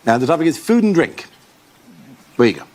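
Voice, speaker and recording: Brisk projecting male panel show host. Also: a little high, big pitch swings, a little mellow. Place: TV studio with live audience. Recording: audience laughter and studio noise.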